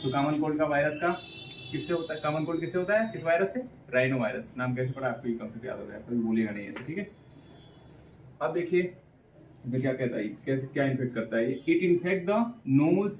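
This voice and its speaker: A male biology teacher giving an exam-prep lecture, drilling key terms, checking in with "theek hai" constantly, and reading English phrases slowly word by word. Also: medium pitch, recorded from a distance. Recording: roomy, from off the mic, faint room hum.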